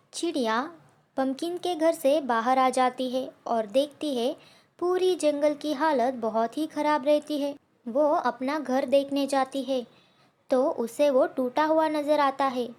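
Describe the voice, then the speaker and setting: A woman's voice: sits high, darkish tone. A woman narrating a children's cartoon story in a simple storyteller's way.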